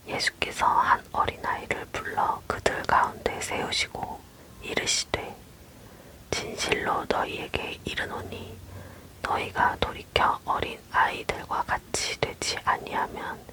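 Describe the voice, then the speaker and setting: A person leaning in close to whisper an ASMR scripture reading, entirely unvoiced and near the microphone. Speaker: Bible reader.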